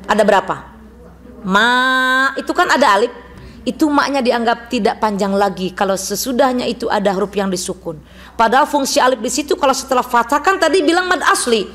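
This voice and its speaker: A woman's voice: fairly high pitch, fairly bright tone. A woman teaching Quran recitation rules to a women's study group in a mosque, quizzing the class as she goes. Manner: brisk, asks the class questions and drills responses.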